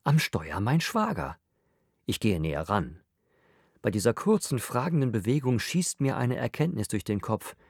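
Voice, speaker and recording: A man reading a novel aloud as narrator in a wry, measured manner. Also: mid-range voice, sing-song, creaky, slightly rough, dry recording, studio quality. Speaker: audiobook narrator. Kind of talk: scripted narration.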